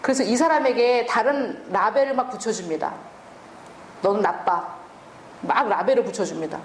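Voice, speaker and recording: A woman's voice: a little high, expressive, a little fast, roomy sound, a little hiss or hum. A woman preaching a sermon and teaching from the Bible, asking the listeners questions and answering them herself.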